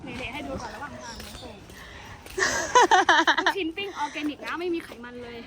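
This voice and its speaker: A woman's voice: high-pitched, lively intonation, moderate pace, crowd noise. A woman hosting a walking vlog, chatty and playful, talking as she walks down a narrow street. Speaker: vlogger host. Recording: loud street noise outdoors.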